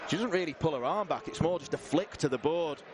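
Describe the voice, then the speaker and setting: A man's voice: a little high, animated, quick pace. A man giving live darts commentary as a sports commentator. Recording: very noisy venue background.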